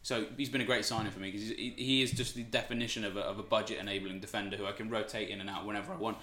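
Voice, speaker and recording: A man with a lowish voice talks quickly in a casual podcast chat. He rambles through thoughts with plenty of "um"s and restarts. The room around him sounds echoey. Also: fairly even intonation, bright, forceful tone. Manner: chatty, rambling, with many fillers and restarts. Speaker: podcast co-host. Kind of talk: casual podcast chat about fantasy football.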